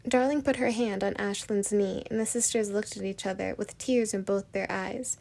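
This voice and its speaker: A woman narrating her own fan story in a steady, plain reading voice. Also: medium pitch, normal speed, creaky.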